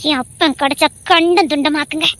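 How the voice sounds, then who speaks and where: A woman playing a devoted young wife, very high. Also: fairly even intonation, fairly quick, fairly bright tone. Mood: vehement. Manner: pleading, tearful and vehement. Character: young wife, wronged man's daughter, fiercely devoted. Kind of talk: dramatic audio story acting.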